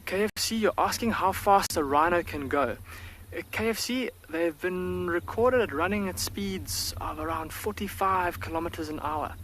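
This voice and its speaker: Man, safari field guide, live commentary, slightly high voice, faint outdoor ambience. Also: normal speed, fairly bright tone, slight background noise. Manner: enthusiastic, reads out viewer questions. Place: outdoors in an open safari vehicle.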